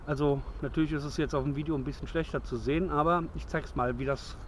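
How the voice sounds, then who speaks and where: A man's voice: fairly high pitch, steady tone, fast, heavy background noise. Chatty German-speaking man demoing gear in woods. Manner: chatty, rambling, self-correcting. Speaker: bushcraft vlogger. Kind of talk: casual outdoor gear demo. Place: woods outdoors at dusk. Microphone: handheld camera close up.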